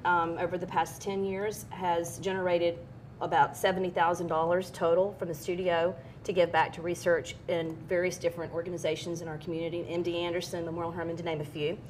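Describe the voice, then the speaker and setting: A middle-aged woman with a fairly low voice talks candidly as an interview guest. Her delivery is earnest and personal, like someone telling her own story. Noticeable noise and a low rumble sit behind her.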